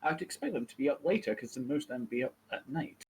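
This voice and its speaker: A player in a tabletop game, wry and deadpan. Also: medium pitch, quick pace, slight background noise, rough recording. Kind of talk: tabletop role-play in character.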